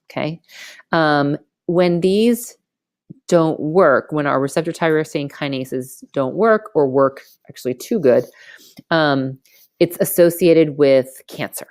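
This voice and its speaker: A woman giving an informal screen-recorded lecture as a teacher, explaining step by step in casual, colloquial language and often checking in with a quick okay. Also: sits low, darkish tone, no echo, studio quality. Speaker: biology teacher. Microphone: close mic on a screen recording.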